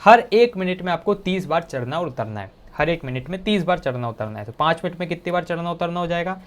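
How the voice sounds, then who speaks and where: A male teacher with a slightly high voice walks his students through exam answers step by step in an exam-prep lesson. Animated and quick, he talks casually and directly to them, often saying "bhai sahab", and packs his speech with English technical terms.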